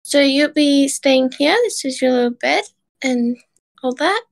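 Woman playing a high-voiced, welcoming housemate. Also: unhurried, gravelly. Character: eager, welcoming, politely reassuring young housemate. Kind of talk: amateur roleplay acting.

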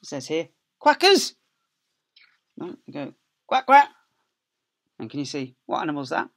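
With huge pitch swings and a fairly high, slightly bright voice, a middle-aged schoolteacher reads a picture book to young children at a somewhat slow pace. He playfully elongates key words and adds sound effects, recorded close on a laptop webcam in a small office.

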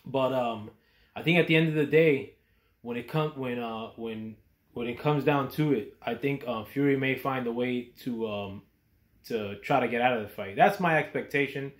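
A man's voice: medium pitch, moderate pace. A man who just woke up, giving casual boxing commentary with lots of ums and restarts. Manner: hesitant, many ums and restarts. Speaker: boxing vlogger. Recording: echoey room.

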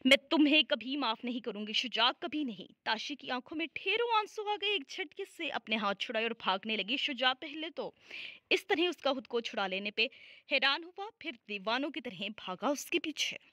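A woman narrates a romance novel as an audiobook with a steady storytelling read. Her voice is high and bright, and the recording is close and completely dry. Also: normal speed, no echo.

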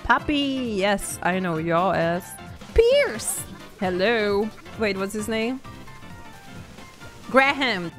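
A woman streamer chats with her viewers as she plays, giggling, swearing and getting easily distracted during live-stream game commentary. Her mid-range voice is slow and a bit bright, with faint music behind.

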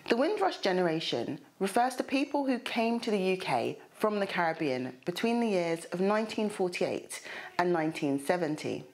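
Lively woman presenting to camera. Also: on the low side. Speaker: project presenter. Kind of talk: scripted introduction to camera. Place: bright living room with bookshelves. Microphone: standing, filmed from the front.

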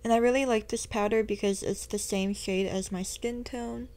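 A woman's voice: fairly high pitch, steady tone, normal speed, darkish tone. Chatty young woman narrating makeup. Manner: chatty, self-deprecating, rising sentence endings. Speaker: beauty vlogger. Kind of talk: voice-over makeup tutorial narration.

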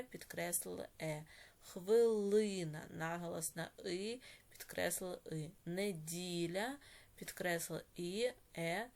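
Woman teacher, Ukrainian accent, online lesson for children, slow careful dictation, lowish voice. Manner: slow, clearly stressed dictation of words. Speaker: primary school teacher.

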